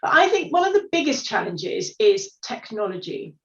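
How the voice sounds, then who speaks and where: A woman's voice: fairly high pitch, very animated, moderate pace, fairly bright tone. A woman in her sixties, a guest speaking in a chatty, encouraging way with lots of "sort of" and "you know". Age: 60s. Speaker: guest, unretirement expert. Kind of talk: casual interview chat. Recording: roomy, distant, dull-sounding audio.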